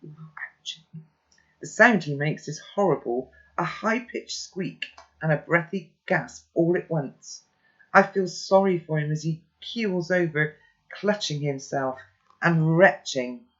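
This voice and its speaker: A reader narrating a children's novel aloud in steady first-person storytelling. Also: medium pitch, unhurried, lo-fi sound.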